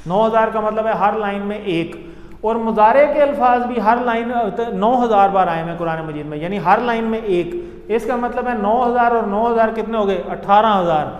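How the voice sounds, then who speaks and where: High-voiced male teacher in an echoey hall. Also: moderate pace, highs cut off. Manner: patient, explains step by step, leads chanted drills. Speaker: Arabic grammar teacher. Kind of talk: classroom lesson with recitation drills.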